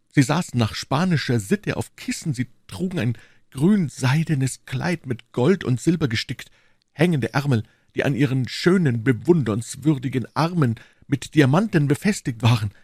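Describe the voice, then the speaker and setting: Lovesick ardent duke read by a man, husky, dry mic. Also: mid-range voice, darkish tone, no echo. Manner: fervent, swelling declarations. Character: passionate lovesick English duke, ardent and insistent. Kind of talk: audiobook reading of a classic novel.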